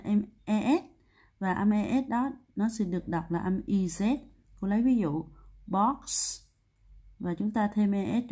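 Mellow husky woman teaching step by step. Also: medium pitch. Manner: explains step by step, checks understanding with tag questions. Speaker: English teacher. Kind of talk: exam answer walkthrough lesson.

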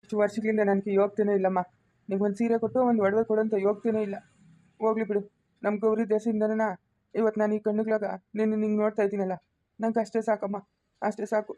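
Woman as a sorrowful old village brother, rural Karnataka accent, monotone and mellow, fast. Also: mid-range voice, no echo, lightly acted. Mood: touched. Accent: rural Karnataka Kannada. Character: elderly village brother, weary and tearful. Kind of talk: village family skit acting.

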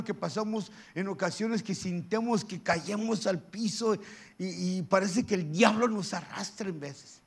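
Fervent high-voiced preacher. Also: male voice. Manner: fervent preaching that swings from loud exhortation to soft, joking asides. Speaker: pastor. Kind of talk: sermon.

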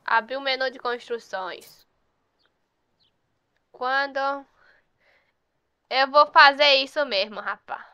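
A woman's voice: high voice, takes it slowly, long pauses, bright, forceful tone, clean tone, no echo, muffled recording. A woman giving casual, chatty gameplay commentary and teasing the characters on screen. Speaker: gameplay youtuber.

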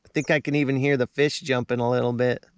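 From inside a small tent outdoors, a camping vlogger in his thirties chats to camera in a laid-back, easygoing way. His medium-pitched voice is delivered flatly and fast, captured in a dry recording.

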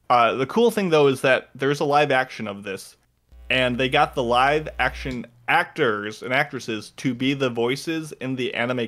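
Man, casual podcast co-host, rambling, excited, lots of "like", middle-pitched voice. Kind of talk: casual chat, recommending an anime.

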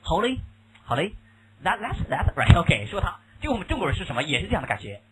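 A man's voice: sits high, big pitch swings, a little fast, background noise. A man teaching an English lesson in Mandarin Chinese, mixing in English words and often asking the class questions, with a Mandarin Chinese accent. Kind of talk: classroom lecture.

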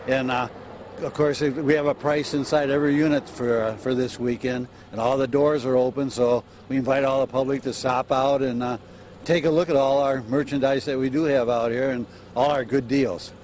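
An older man answers a TV reporter's live questions about his business, talking plainly into a handheld mic and hesitating with lots of "uh"s. His medium-pitched voice is steady and slightly mellow, with some hiss or hum, as the interview moves from an RV lot to inside an RV.

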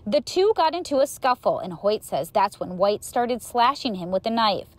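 A woman news reporter giving a live report from a courthouse in a measured reporting delivery. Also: fairly high pitch, big pitch swings.

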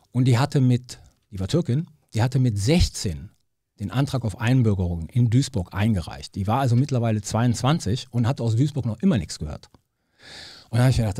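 A man in his fifties from Cologne, a political scientist guest in a studio interview, telling personal stories in a relaxed, animated way and acting out the people he quotes. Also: mid-range voice, slightly rough, dry recording. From Cologne, Germany. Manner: animated storyteller who acts out quoted voices. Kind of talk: casual storytelling interview.

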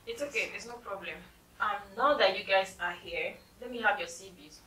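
A woman's voice: mid-range voice, normal speed, pushed and bright, lightly acted. A young woman acting as a polite, apologetic company secretary. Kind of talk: skit acting. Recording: echoey room, mic far off, noisy.

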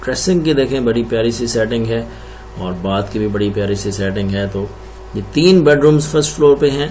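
A Pakistani man walks through house floor plans on a screen recording, explaining each room in turn as an architect might. His mid-range voice is brisk and a little mellow, over slight background noise.

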